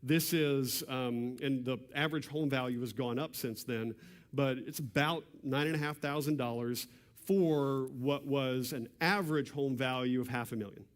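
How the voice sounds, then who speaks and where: A man giving a public seminar talk in a church hall, conversational, often clearing his throat. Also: mid-range voice, steady tone, moderate pace. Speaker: property tax presenter. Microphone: handheld or stand mic, cutting out at times.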